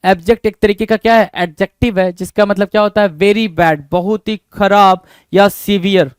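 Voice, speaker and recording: A man's voice: high voice, fairly even intonation, moderate pace, clear, resonant tone, no echo, studio quality. A man teaching a vocabulary lesson for competitive exams, who keeps asking rhetorical questions and answering them himself. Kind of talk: exam-prep vocabulary lesson.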